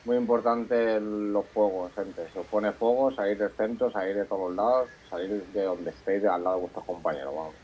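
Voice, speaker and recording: A man's voice: lowish voice, steady tone, fairly quick, hardly any pauses, lo-fi sound, a little hiss or hum. A man with a Castilian Spanish accent leading a game raid over voice chat with terse, directive callouts. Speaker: raid leader.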